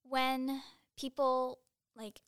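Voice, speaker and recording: Young woman, late teens, chatty and giggly, high-ish voice, smooth tone. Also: level tone, drawn-out words, no room sound, studio quality. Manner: giggly, filler-heavy, chatty. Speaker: guest. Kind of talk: casual interview chat.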